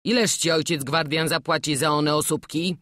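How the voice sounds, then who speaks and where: A woman's voice: low-pitched, fairly even intonation, normal speed, a bit bright, no echo, studio quality. A woman playing a stern old master carver. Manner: commanding, archaic speech. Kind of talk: audiobook character voice.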